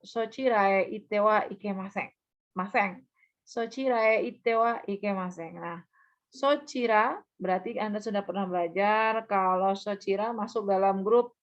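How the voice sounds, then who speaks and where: Patient woman teacher, muffled lo-fi sound. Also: mid-range voice. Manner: patient, explanatory, models example phrases aloud; checks understanding with quick asides. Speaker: Japanese language teacher. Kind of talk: recorded online lesson.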